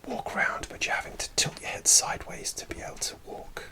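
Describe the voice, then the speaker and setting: An ASMR creator speaks in a near-mic whisper, his story drifting along with many pauses and plenty of fillers.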